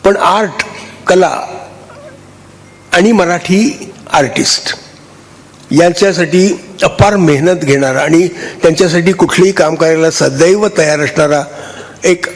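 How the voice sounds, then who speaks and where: An older man gives a halting, chatty speech on stage, thanking people and joking with the audience. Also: fairly high pitch. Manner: halting, restarts, warm and chatty with the crowd. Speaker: honoree giving a speech.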